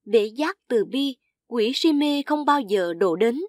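A woman's voice: a little high, lively intonation, takes it slowly, dry recording, studio quality. Demure young beauty, read by a woman. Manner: demure, gentle replies. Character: shy, graceful young beauty, quick-witted.

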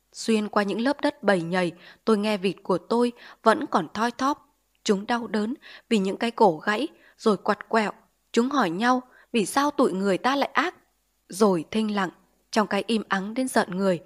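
A woman narrating a literary story in a measured, sorrowful way. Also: medium pitch.

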